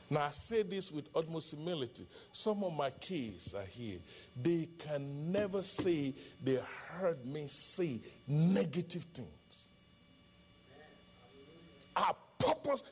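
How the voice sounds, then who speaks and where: A middle-aged pastor with a Nigerian accent, a native Yoruba speaker, preaches an impassioned sermon. His voice is a little high, and he leans on emphatic repetition and rhetorical questions.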